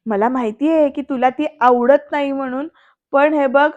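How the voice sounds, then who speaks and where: A woman's voice: high-pitched, normal speed, phone-quality sound, natural voice. A woman reading out the firm, insistent lines of a young man in a recap of a TV serial. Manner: resolute, insistent.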